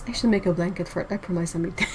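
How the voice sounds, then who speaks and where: A woman's voice: lowish voice, very fast, slight background noise, poor audio. A woman hosting a casual livestream, chatting and reacting to chat messages with frequent laughs. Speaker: livestream host.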